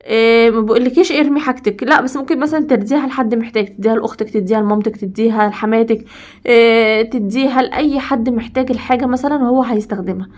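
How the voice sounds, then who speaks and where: A woman's voice: on the high side, steady tone, very fast, darkish tone. A woman with an Egyptian accent giving emphatic, casual home advice to women and repeating points for stress. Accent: Egyptian Arabic.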